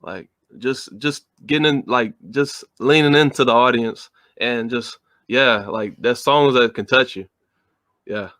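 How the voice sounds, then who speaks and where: A man's voice: mid-range voice, measured pace, bright, forceful tone, no echo, studio quality. Casual man chiming in. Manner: chimes in casually with slangy asides. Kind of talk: casual chat.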